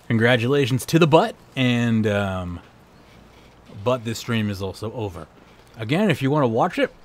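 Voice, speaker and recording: A man with a hoarse voice, hosting and wrapping up a livestream in a casual, rambling way. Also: fairly low pitch. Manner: rambling, laid-back. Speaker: livestream host. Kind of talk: casual stream sign-off chat.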